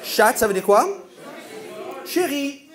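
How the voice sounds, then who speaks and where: A man's voice: very high-pitched, expressive, takes it slowly, a bit bright. A man doing stand-up comedy, quizzing the audience with playful, incredulous questions. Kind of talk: crowd-work stand-up comedy. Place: comedy venue with a live audience. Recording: live audience and room noise.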